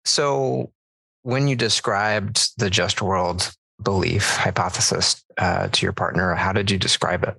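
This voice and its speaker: Low gravelly-voiced male podcast host. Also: measured pace, no echo, poor audio. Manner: relaxed, laughs often, restarts sentences. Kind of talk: casual podcast chat.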